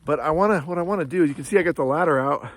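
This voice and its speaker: A man's voice: on the high side, racing. A middle-aged man chatting casually to the camera outdoors in the snowy mountains, huffing from the cold and talking to his dog as he goes. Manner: chatty, talks to his dog between remarks. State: out of breath from the cold. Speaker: RV vlogger. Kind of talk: casual vlog chat to camera. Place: outdoors in snowy mountains beside a travel trailer. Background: dog nearby.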